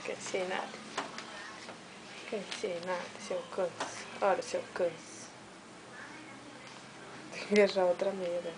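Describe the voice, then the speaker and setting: A woman voicing a cheeky, stubborn baby girl in soft teasing baby talk, in a noisy home video. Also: lowish voice, flat delivery, unhurried, long pauses, voice pushed down, close to an everyday voice. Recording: home video with background noise.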